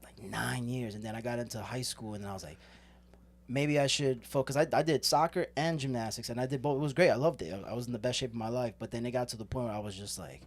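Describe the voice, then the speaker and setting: Fast-talking, rambling male comedian. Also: mid-range voice. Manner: fast, rambling, excitable storytelling. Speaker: comedian and podcast co-host. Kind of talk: casual chat. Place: comedy club green room.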